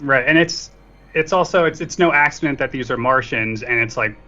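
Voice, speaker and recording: Here the guest co-reviewer on a film podcast speaks a little fast in a mid-range, sharp voice. He keeps things casual, joking and self-deprecating. Audio is dull and lo-fi, and faint music plays underneath.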